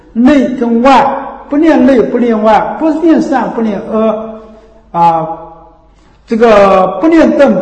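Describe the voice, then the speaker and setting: Man, Buddhist teacher, dharma talk, high lively voice, mellow tone, echoey hall. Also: lo-fi sound. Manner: explanatory, often checks listeners with "知道吧". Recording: echoey hall with long reverb.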